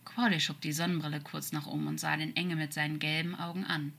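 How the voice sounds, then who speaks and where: Woman narrator, low pitch, husky breathy tone, expressive storytelling with whispered bits. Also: quick pace. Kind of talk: audiobook fan-fiction reading.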